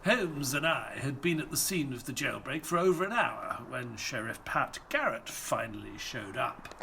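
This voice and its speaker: An actor playing Doctor Watson, an earnest, inquisitive companion and storyteller in an audio play. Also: male voice, mid-range voice, moderate pace, vocal fry, noisy background. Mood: dramatic narration. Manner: expressive, storytelling delivery. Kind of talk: audio play acting and narration. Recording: music behind the voice.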